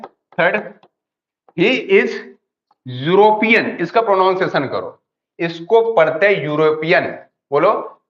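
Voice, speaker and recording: A man teaching English grammar in an online class, asking questions and answering them himself over and over. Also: high voice. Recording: dull lo-fi audio.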